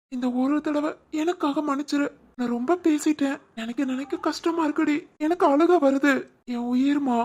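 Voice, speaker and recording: A voice actor playing a remorseful young husband in an animated family drama, speaking with a Tirunelveli Tamil accent and pleading apologetically. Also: high-pitched, natural voice.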